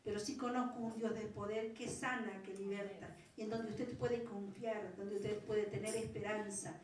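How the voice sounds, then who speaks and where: A middle-aged woman pastor with an Argentine accent, preaching a fervent Pentecostal sermon that swells into loud pleas. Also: mid-range voice, steady tone, moderate pace, a little hiss or hum. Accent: Argentine Spanish. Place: large church hall. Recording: very echoey hall, voice from far off.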